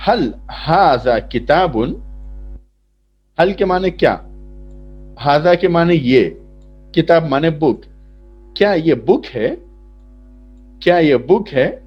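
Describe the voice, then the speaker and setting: Slow teacher guy, asks and answers himself, muffled lo-fi sound. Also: fairly high pitch, husky. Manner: slow, repetitive explaining, asks then answers. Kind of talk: lesson explaining a vocabulary chart. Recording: dull lo-fi sound.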